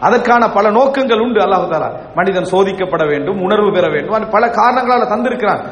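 A man preaches a sermon in an earnest, emphatic way, driving points home with rhetorical questions. His voice sits high. It rings through a large hall with a long echo over a faint rumble. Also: lively intonation. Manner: recites Arabic in a slow, lower chant. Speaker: Islamic preacher.

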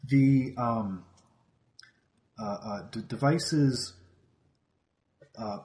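A man's voice: mid-range voice, lively intonation, extremely slow, darkish tone, roomy sound. A man running a tabletop game as game master, his voice clipping and cutting out over an online call as he stumbles through fillers and restarts.

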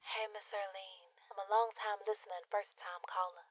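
A woman's voice: medium pitch, fairly even intonation, normal speed, slightly rough, no room sound. A woman playing an earnest, desperate caller to a radio advice show, heard through a telephone filter. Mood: desperate, confessional. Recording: thin, tinny phone line.

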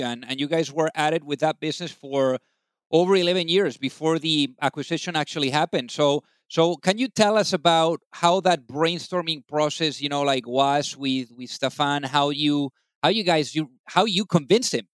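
A man's voice: on the high side, normal speed, dry recording. A man hosting an interview podcast, upbeat, often repeating words as he searches for phrasing. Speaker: podcast host.

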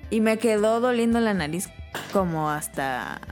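A Mexican woman co-hosting a podcast, telling a story in animated, slang-heavy casual chat. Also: medium pitch, measured pace, faint music behind. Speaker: podcast co-host.

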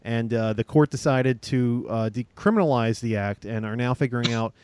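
A man's voice: mid-range voice, moderate pace, noisy background. A man hosting a casual podcast, reading out news stories with frequent laughs and ums. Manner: reads stories with laughs and fillers.

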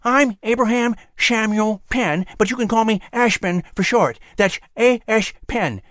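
Man voicing a high, lisping, whistly young squirrel, eager and boastful; dry close read. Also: unhurried, a bit bright, no echo. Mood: excited chatter. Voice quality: whistling lisp through buck teeth. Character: enthusiastic young male flying squirrel.

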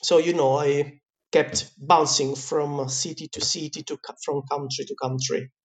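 A man's voice: a little high, steady tone, unhurried. A man with an Italian accent, a guest in an interview, telling his story in a chatty way with many fillers and frequent laughs. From Italy. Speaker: guest, pizza teacher.

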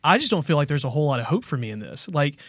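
A man co-hosting a faith podcast, talking quickly and loosely, sprinkling in fillers as he asks questions. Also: a little high, big pitch swings, a bit bright, no room sound, studio quality. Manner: quick, full of "you know" fillers, friendly questioning. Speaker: podcast co-host. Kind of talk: casual faith podcast chat.

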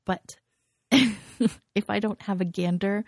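A woman's voice: mid-range voice, takes it slowly, darkish tone, no echo, studio quality. A woman co-hosting a casual podcast, chatting and gushing with frequent laughs, rambling as she goes. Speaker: podcast co-host. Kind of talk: casual chat.

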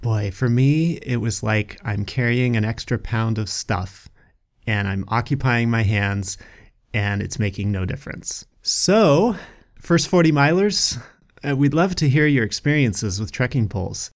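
A man's voice: mid-range voice, animated, unhurried. A man co-hosting a hiking podcast in easygoing casual chat, chuckling often between remarks. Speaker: podcast co-host.

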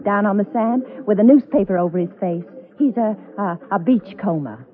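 An actress playing a naive, chatty young woman tourist who gets flustered, in 1930s film dialogue, halting and earnest. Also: mid-range voice, expressive, close to an everyday voice. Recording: tinny, hissy old film soundtrack.

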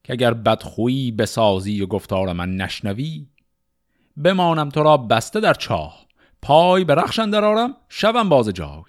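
A man's voice: medium pitch, big pitch swings, pitched above the performer's own voice, lightly acted. A man voicing a mighty, commanding warrior champion in declaimed epic verse. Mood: threatening.

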